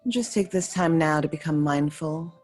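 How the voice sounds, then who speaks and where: Leading a guided meditation as a yoga nidra teacher, a low-voiced woman with a darkish tone speaks over faint music. Her soothing instructions arrive in short, unhurried phrases with pauses in between.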